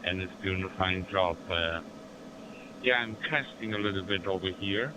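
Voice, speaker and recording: A man's voice: sits low, normal speed. A man with a German accent, making amateur radio small talk in formulaic operator phrasing over a crackly link. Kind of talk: amateur radio contact chat. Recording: noisy radio link, background hum.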